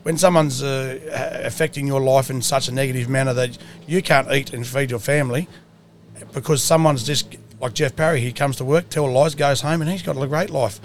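A man hosts a casual podcast with a broad Australian accent. His voice sits at an average pitch, and his way of talking is matey and colloquial. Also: steady tone, a little fast, slight background noise. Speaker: podcast host. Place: mobile podcast setup at an outdoor rally.

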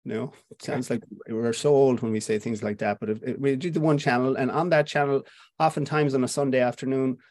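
A man's voice: medium pitch, fairly even intonation, fairly quick, darkish tone, no echo. Reflective Irish man, dry sound. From Ireland. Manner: reflective, with frequent fillers and restarts. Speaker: playwright guest. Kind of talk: conversational interview.

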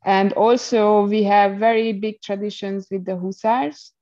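Hungarian woman w accent chatting in an interview, soft mellow tone, bit of a dull recording, feels her way thru sentences. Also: mid-range voice, steady tone, a little slow. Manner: hesitant, searching for words in non-native English. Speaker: interview guest, equestrian rider. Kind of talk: conversational interview explanation.

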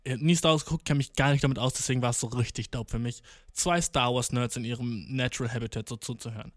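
Young dude rambling a funny story, lots of slang and cursing, dry close sound. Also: male voice, mid-range voice, fairly even intonation, fast, no room sound. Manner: slangy, swearing, tags lines with "ne?"; acts out quoted people in the story. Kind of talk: casual anecdote.

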